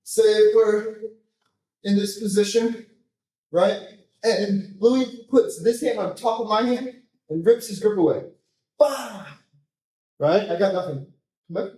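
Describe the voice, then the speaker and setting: A man coaching a jiu-jitsu technique, explaining casually in short, choppy phrases and often checking in with a quick tag question. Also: sits high, dark tone. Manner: informal, choppy phrases with repeated tag "right?". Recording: roomy echo, distant microphone.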